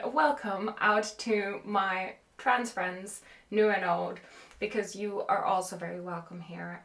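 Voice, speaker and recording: Chatty woman recording on a phone in an echoey room. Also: mid-range voice. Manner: chatty, animated, self-deprecating. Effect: recorded on a phone camera. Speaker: podcast host. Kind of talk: casual chatty vlog. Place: room in an old country cottage, indoors. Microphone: phone camera.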